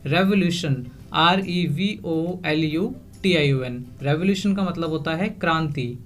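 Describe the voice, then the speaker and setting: Slow, careful male language teacher. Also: fairly high pitch, fairly bright tone, faint music behind. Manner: spells each word letter by letter, then gives its meaning. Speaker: English teacher. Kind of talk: vocabulary lesson, spelling words aloud.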